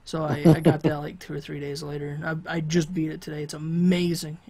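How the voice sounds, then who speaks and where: A man's voice: fairly high pitch, completely flat delivery, brisk, a crowd in the background. A man co-hosting a video game podcast, talking casually and rambling, with lots of fillers and restarts. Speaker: podcast co-host. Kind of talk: casual chat.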